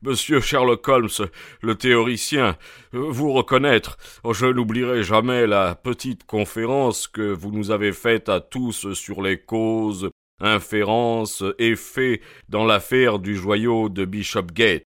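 A man voicing a stout, pompous police inspector with a husky, hoarse, breathless voice and a blustering, hemming manner. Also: fairly low pitch, fairly even intonation, slow pace, fairly bright tone, dry recording, studio quality.

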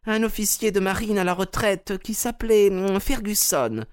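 A woman's voice: medium pitch, moderate pace, a little mellow, dry recording, clean studio sound, lightly acted. A woman voicing an earnest, troubled widow telling her story in an audio drama.

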